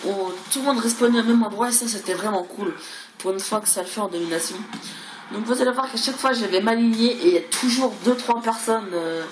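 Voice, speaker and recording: A woman giving casual, rambling gameplay commentary, stammering over and repeating words, with some mild swearing. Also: medium pitch. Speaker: gaming video creator. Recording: roomy echo, clearly noisy background.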